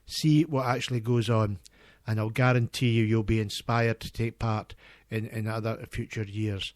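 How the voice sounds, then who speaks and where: A man's voice: on the low side, darkish tone, no room sound. Earnest male radio presenter, dry close sound. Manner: earnest, enthusiastic, halting. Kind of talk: community radio chat.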